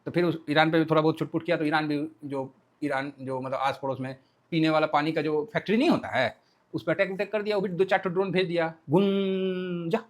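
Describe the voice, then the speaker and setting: A man's voice: a little high, fast. A man giving casual market commentary, joking and colloquial, with lots of rhetorical questions as he acts out the news. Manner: lively, playfully acts out the news. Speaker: stock market analyst.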